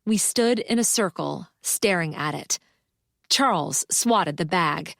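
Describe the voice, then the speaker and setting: A woman reading a cozy mystery audiobook as a first-person narrator, with an expressive storytelling delivery. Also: lowish voice, slow, creaky, dry recording, clean studio sound.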